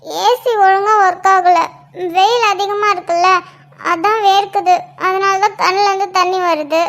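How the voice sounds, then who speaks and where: A woman's voice: extremely high pitch, steady tone, normal speed, fairly bright tone. A woman voicing a tearful young pregnant wife in a cartoon, pleading with her injured husband. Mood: emotional. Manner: pleading, emotional. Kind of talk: cartoon voice acting.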